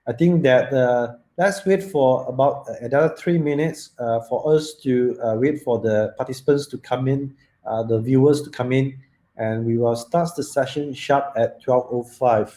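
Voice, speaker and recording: Mellow man chairing an online session. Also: medium pitch. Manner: halting, filling time, non-native phrasing. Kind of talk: welcoming remarks to an online audience.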